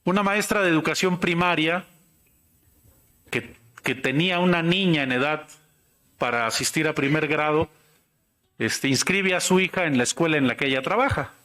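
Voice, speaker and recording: A man giving an academic conference talk, measured and explanatory. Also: fairly high pitch, bright, forceful tone. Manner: measured, explanatory, tells anecdotes. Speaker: lecturer.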